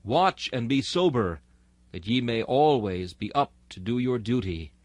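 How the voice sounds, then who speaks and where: In archaic Victorian English, a sermon reader gives a dramatic rendition of an old-fashioned sermon. His medium-pitched voice is solemn, exhortatory, and rhetorical, captured with no room sound at all.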